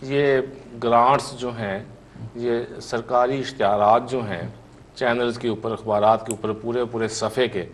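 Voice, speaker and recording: A man's voice: medium pitch, fairly even intonation, slight background noise. A man from Pakistan, a politician guest in a heated television debate, insisting and repeating himself to hold the floor.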